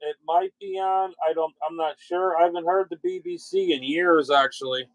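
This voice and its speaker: A man's voice: fairly high pitch, fairly even intonation, normal speed, no echo, low-quality recording. A man chatting casually with viewers in an irreverent, rambling way. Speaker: livestreamer monitoring shortwave radio.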